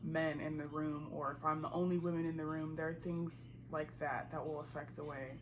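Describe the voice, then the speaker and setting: A woman's voice: sits low, little pitch movement, fairly quick. A woman in her twenties from Chicago, speaking thoughtfully in a personal interview. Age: 20s. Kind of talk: personal testimony. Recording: noisy background.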